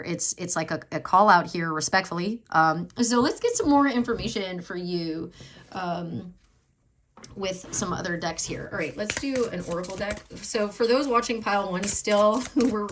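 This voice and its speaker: A woman's voice: lowish voice, a bit bright, slight background noise. A woman giving a channeled tarot reading at home, rambling and chatty with many fillers, apologizing and laughing nervously. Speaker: tarot card reader. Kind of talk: channeled pick-a-card reading.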